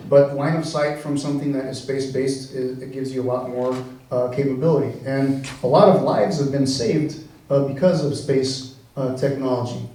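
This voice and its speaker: Man lecturing in a very echoey hall. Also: mid-range voice. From born in the US, raised in Venezuela. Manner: relaxed, conversational, many fillers and restarts. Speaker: engineering professor giving a talk. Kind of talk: public science talk. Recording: very echoey room, mic far off.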